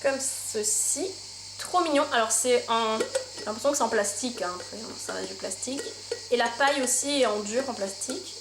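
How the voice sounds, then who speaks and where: A woman with a slightly high voice talks at a normal pace in a casual haul vlog, gushing about her purchases with plenty of filler words. She records in a roomy room at home with the windows open, so faint insect sounds drift in from outside.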